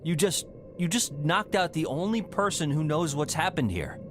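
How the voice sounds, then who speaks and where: A man's voice: on the high side, lively intonation, normal speed, background noise, lightly acted. An actor playing a casual, skeptical and wry young man in a video game. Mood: suspicious. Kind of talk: video game character acting.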